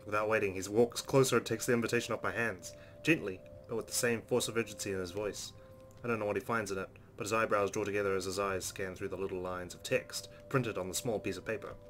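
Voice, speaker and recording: A man on the low side, steady in tone and quick in pace, hosts a let's play. He reads visual novel narration aloud expressively and layers in his own commentary over soft game music.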